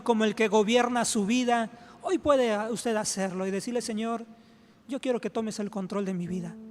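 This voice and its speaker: A male pastor closing a sermon and leading a fervent prayer in a church, repeating the words for God between every phrase. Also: high voice. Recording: music playing behind the voice.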